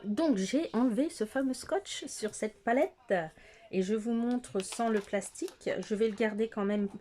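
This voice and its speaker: Chatty mellow-voiced woman beauty vlogger. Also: fairly high pitch, a little slow, a little hiss or hum. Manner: chatty, hesitant with frequent fillers, addresses viewers directly. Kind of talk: casual makeup tutorial chat. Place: at home, close to the camera.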